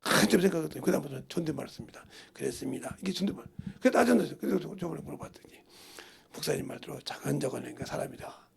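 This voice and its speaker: Gravelly, animated man preaching a sermon. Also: a little high, rapid-fire. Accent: Korean. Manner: animated, folksy storytelling with rhetorical questions to the congregation. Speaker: pastor.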